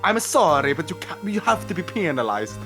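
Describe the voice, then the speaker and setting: Lively sing-song woman reading game lines. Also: on the low side. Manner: playful, laughing, swoops into voices. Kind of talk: casual let's-play reading with friends. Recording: music playing underneath.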